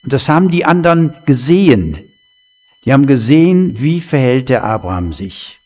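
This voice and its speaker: A man preaching a sermon in a slow, conversational way, with chatty asides to the congregation. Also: mid-range voice, sing-song, a little mellow. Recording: long hall reverb.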